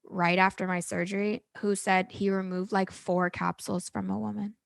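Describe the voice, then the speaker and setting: A woman's voice: medium pitch, little pitch movement, normal speed, creaky, no echo, clean studio sound. A woman talking casually and emphatically on a podcast, outspoken and often punctuating her talk with "like". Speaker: podcast host.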